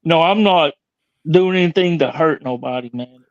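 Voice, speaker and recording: A man's voice: on the high side, moderate pace. A man chatting on a livestream in a laid-back, agreeable way, with loose slangy speech. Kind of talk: casual livestream chat. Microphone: video call. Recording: slightly muffled audio.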